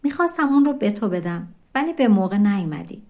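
A woman voicing a gentle, hardworking young girl in a storybook folk tale, talking earnestly. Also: mid-range voice, big pitch swings, close to an everyday voice. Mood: apologetic.

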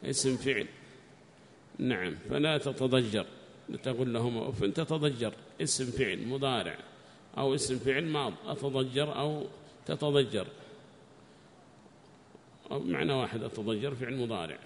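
A male teacher explains classical grammar and variant readings of a verse, reading quoted lines louder and higher, then dropping back to explain. His voice carries a long reverb tail, with a faint hiss of room noise beneath it. His pitch sits at an ordinary middle level. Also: normal speed, pauses often. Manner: raises pitch and volume to read quoted text, drops to explain. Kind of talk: classical Arabic grammar and Quran recitation lesson.

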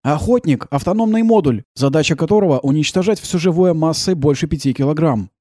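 A man voicing a calm, laconic male driver in an audiobook, answering slowly and flatly. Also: on the high side, dry recording, studio quality, pitched above the performer's own voice, natural voice. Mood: calm, matter-of-fact. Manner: calm, slow, unhurried replies.

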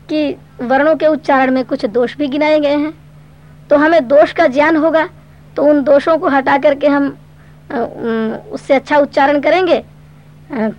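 A woman teaching a Sanskrit grammar lesson, explaining patiently step by step and reciting verse slowly. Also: high voice, a little mellow. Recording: dull lo-fi recording.

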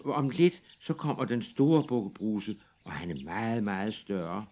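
A man's voice: fairly low pitch, mellow. A man doing a nervous middle billy goat.

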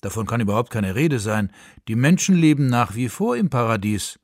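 A man's voice: mid-range voice, big pitch swings, moderate pace, dry recording. A man voicing God as a small green man who answers in a dry, offhand, grumbling way, read for radio. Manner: laconic, shrugging replies, grumbling. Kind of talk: story reading for radio.

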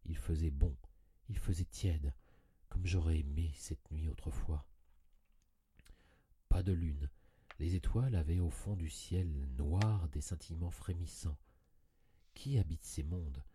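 Guy reading a story all intense and tormented, really dark low voice, kinda husky. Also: unhurried, pauses often, dry recording. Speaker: audiobook reader. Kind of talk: dramatic literary reading.

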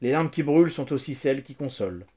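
A man reading a novel aloud, calm and measured, as a scripted narration. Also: medium pitch, breathy edge. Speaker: audiobook narrator.

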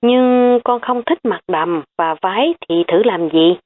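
A stubborn, cheeky teenage girl, as a woman reads her out in high, quick bursts of protest. The audiobook audio is tinny and phone-like. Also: close to an everyday voice.

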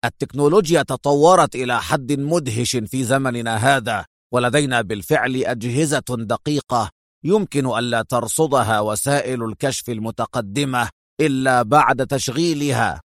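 A man's voice: medium pitch, normal speed, dry recording, studio quality, natural voice. A man voicing a stern, angry male villain mastermind who speaks tensely and harshly.

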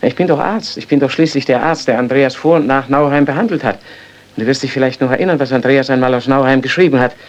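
A man's voice: mid-range voice, fast talker, close to an everyday voice. A man playing a guilt-haunted, feverish doctor. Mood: brooding. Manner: intense, brooding, rising to outbursts. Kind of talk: 1930s radio acting. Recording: dull 1930s radio recording.

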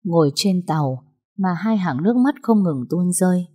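A woman narrating a story in a calm, measured reading voice. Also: lowish voice.

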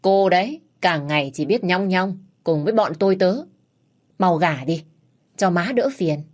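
A woman's voice: fairly low pitch, a little slow. A woman voicing a fretful, scolding middle-aged mother of a wealthy house.

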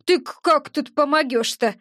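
Brief: a rude little eared sprite, grumbling in rustic slang, high and squeaky, put on by a woman narrator. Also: normal speed, a bit bright, no echo, clean studio sound. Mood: sulky. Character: grumpy little eared winged male sprite.

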